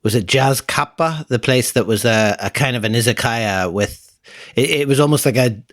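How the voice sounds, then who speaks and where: A man's voice: mid-range voice, normal speed, a bit bright. A man with an Irish accent co-hosting a casual podcast, recapping for listeners and teasing his co-host, with many "uh" fillers.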